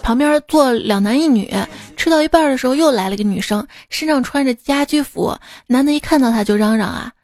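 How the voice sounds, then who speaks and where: This woman's voice is high-pitched yet darkish in tone, and she talks a little fast with hardly any pauses while faint music plays behind her. Hosting a podcast on a close mic, she tells short comic stories chattily and laughs at her own jokes.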